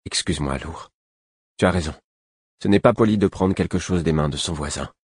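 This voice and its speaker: A man's voice: low voice, a little fast, breathy edge, no room sound, clean studio sound. A man voicing an earnest fifteen-year-old prince in an audiobook, speaking with youthful energy. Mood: urgent. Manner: eager, then suddenly grave. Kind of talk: audiobook character voice.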